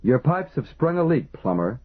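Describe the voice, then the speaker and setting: Man playing a furious shift chief, rasping, raised pitch, phone-like audio. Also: very animated, moderate pace. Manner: cursing, shouting angrily. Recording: tinny phone-like band.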